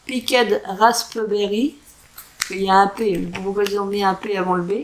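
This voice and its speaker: A woman doing a casual crafting vlog, talking in a hesitant, chatty way and sounding out foreign words slowly. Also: medium pitch, completely flat delivery, a little hiss or hum, poor audio. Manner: chatty with frequent fillers and self-corrections. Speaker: crafting vlogger. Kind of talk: casual show-and-tell craft chat.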